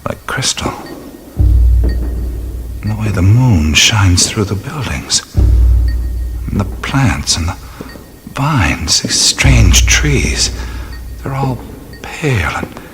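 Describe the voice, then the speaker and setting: Over background music, a radio drama's lead actor plays a wondering, hesitant adventurer who explores mysterious ruins. He narrates each discovery in the first person, musing haltingly and often breathily, in a fairly low, full character voice.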